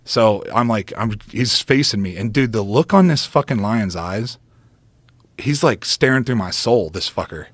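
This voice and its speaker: A man, a podcast guest, telling a story in an animated, profane way and acting out the quotes. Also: fairly low pitch, normal speed, no echo, studio quality.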